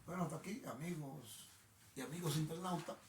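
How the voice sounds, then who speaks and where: A man's voice: a little high, a little fast, roomy sound, far from the mic, heavy background noise. A man with a Dominican accent hosting a live online show in a casual, rambling monologue, often repeating himself and restarting sentences.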